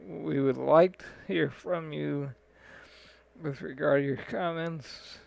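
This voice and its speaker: A man's voice: on the high side, fairly even intonation, slow pace, creaky, rough recording. A man giving casual, rambling live-stream commentary on a flight sim, full of fillers and restarts.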